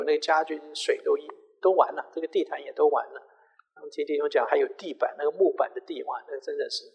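A man preaching a sermon, telling a story in an animated way, often repeating and restarting words. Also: a little high. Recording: echoey hall with long reverb.

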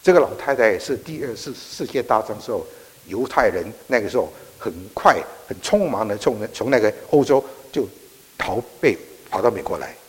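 Husky preacher guy telling a story, stops and restarts a lot, echoey hall. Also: fairly low pitch. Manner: animated, halting with many restarts. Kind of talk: sermon storytelling.

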